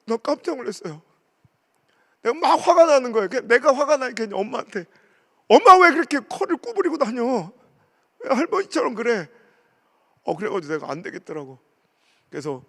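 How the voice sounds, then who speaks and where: A male pastor preaches a revival sermon as a story. His voice sits high for a man and has a gravelly edge, and he swings into acted voices for his family. He sounds like a man in his forties. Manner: animated storytelling, acting out family members' voices.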